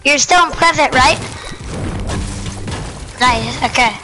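A woman's voice: high voice, slow, pushed and bright, soft background music, poor audio. A woman streaming an online shooter, teasing and trash-talking another player over a headset mic. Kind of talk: casual gaming chat.

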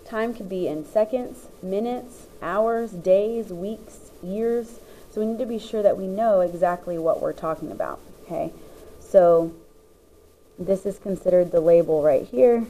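A woman's voice: mid-range voice, unhurried, warm tone, slight background noise, poor audio. A woman teacher patiently explaining the parts of a graph, step by step, as she writes notes. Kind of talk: classroom lesson explaining graphs.

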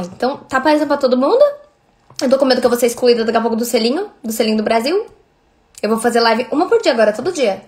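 A woman's voice: a little high, a little mellow. A woman in her thirties with a Brazilian accent, chatting casually on a livestream and thanking viewers by name. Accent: Brazilian Portuguese. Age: 30s. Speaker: livestream host.

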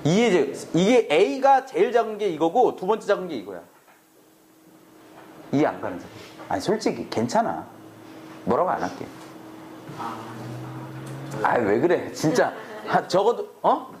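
A man's voice: high voice, big pitch swings, unhurried, pauses often, a little mellow, slight background noise. A man teaching math to a classroom, brash and teasing, swearing at students in a casual way. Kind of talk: classroom lecture.

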